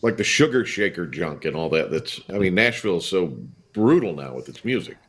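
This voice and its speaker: A man's voice: sits low, very animated, a little fast, a bit bright. An American man hosting a sports radio show in a casual, chatty, blunt and teasing way. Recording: studio broadcast, faint music behind. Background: music.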